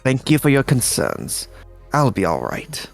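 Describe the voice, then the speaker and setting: A man plays a tired male demon with a gravelly, rough voice that swings widely in pitch. He talks in a calm, unhurried way with dry mock formality, as in a visual novel read-along. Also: faint music behind, exaggerated voice. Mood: wry. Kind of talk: amateur visual novel voice reading.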